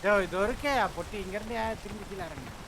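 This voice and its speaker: High-voiced, teasing man gamer. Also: animated, fast, crowd noise, low-quality recording. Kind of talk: casual co-op gaming chat.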